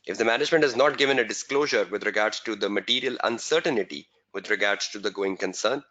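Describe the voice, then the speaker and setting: Bright-voiced male tutor. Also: on the low side, muffled recording. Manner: repeats key phrases slowly for emphasis; answers chat questions by name. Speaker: exam tutor. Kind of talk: webinar exam lesson.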